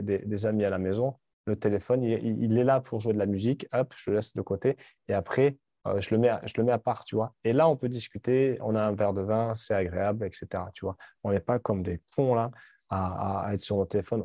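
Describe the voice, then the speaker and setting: A man's voice: medium pitch, a little mellow, no room sound, studio quality. A man in his late thirties talking frankly and casually to camera, rambling with restarts and casual swearing. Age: 30s. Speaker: vlogger. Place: home in Dubai.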